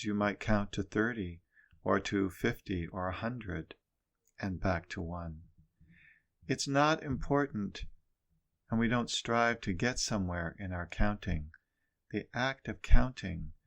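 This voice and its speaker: A man teaching meditation, giving guided instruction in short, measured phrases with pauses. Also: fairly low pitch, vocal fry.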